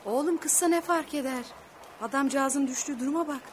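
A woman's voice: high voice, a little fast, a little hiss or hum, close to an everyday voice. A woman playing a fussy, practical middle-aged mother who chides her family, in a radio play. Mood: chiding. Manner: chiding, talkative.

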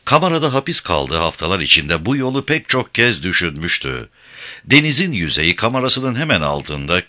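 A man reads an adventure audiobook in a measured, expressive way. His voice sits very low yet sounds sharply bright, and his pitch moves in lively swings. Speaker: audiobook narrator. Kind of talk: dramatic audiobook narration.

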